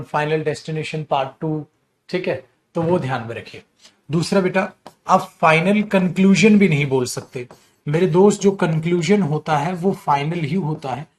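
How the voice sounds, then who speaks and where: A man teaches English usage to an online class in Hindi, his voice sitting a little high. He explains each point patiently and addresses the students fondly. He repeats common mistakes with playful mock emphasis before correcting them. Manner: explains patiently, calls students beta, quotes wrong phrases with mock emphasis.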